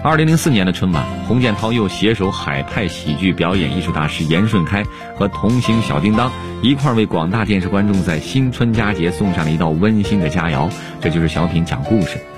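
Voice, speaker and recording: A man with a low voice narrates as a programme presenter. His delivery is formal and scripted, with clear music playing behind him. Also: lively intonation, brisk, hardly any pauses. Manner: formal, promotional announcer delivery. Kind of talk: scripted narration introducing comedy clips.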